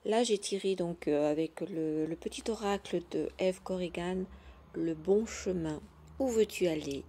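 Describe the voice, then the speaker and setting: A woman talks through her daily routine in a relaxed, unhurried way. Her voice sits low and sounds warm and mellow. She pauses often and fills gaps with soft hesitations. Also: a little hiss or hum. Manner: gentle, hesitant, with many fillers. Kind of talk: casual chat.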